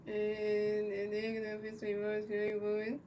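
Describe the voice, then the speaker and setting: An American woman gives casual, repetitive play-by-play of a baseball video game, stumbling over calls and addressing her chat viewers. Her medium-pitched voice is completely flat, dark in tone and measured, picked up by a distant mic with faint background noise.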